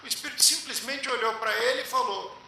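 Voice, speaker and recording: A man tells a spiritual story in a lecture, with measured, emphatic pauses. His voice is high, very bright and lively in pitch. It rings in a very echoey hall over a faint hiss. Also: vocal fry. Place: lecture hall at a public meeting.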